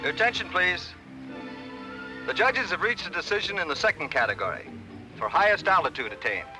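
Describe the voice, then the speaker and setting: An actor playing a formal kite contest announcer, making a public address announcement heard from a distance in a 1950s TV drama. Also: male voice, high-pitched, expressive, fairly quick. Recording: distant voice over background music.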